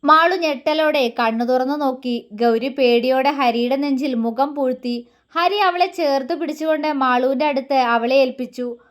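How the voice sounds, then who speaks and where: A woman with a high voice narrates a dramatic romantic story. Her reading is emotive and expressive, keeping the scenes flowing as a storyteller. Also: normal speed.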